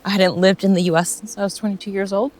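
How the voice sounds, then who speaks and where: Talking quickly at a medium pitch, this forties-aged vlogger from Russia keeps up a relaxed, rambling chat on an outdoor bush walk. She laughs a lot and uses many fillers. Her accent is mostly American, slightly shifted by her years in New Zealand.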